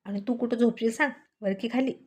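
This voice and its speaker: A woman's voice: fairly high pitch, fairly even intonation, fairly quick, a little mellow, close to an everyday voice. Woman narrator voicing young husband, nervous, sheepish, storybook audio.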